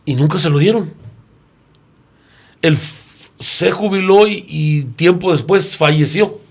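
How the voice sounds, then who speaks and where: Older Mexican pastor telling lively stories. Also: male voice, on the high side, slow pace, creaky. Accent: Mexican Spanish. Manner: storytelling, acts out quoted characters. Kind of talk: sermon-like Bible lesson discussion.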